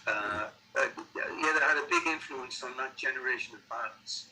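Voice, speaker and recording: A middle-aged or older man with a Sunderland accent, chatting casually as an interviewed musician, halting and repeating words as he thinks. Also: medium pitch, sharp tone, a little hiss or hum, low-quality recording. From Sunderland, North East England.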